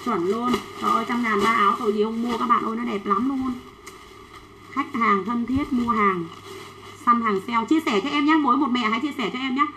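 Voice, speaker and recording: A woman selling children's clothes on a livestream, chatting quickly and reading out sizes and buyers' names. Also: on the high side, bright, forceful tone, reverberant, a little hiss or hum, poor audio. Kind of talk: fast livestream sales pitch.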